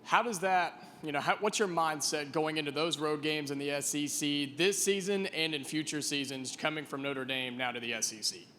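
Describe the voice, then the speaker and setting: A male radio reporter poses a direct question at a press event. His voice is bright and forward. Hall reverb and faint room noise surround him. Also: fairly high pitch, moderate pace, few pauses.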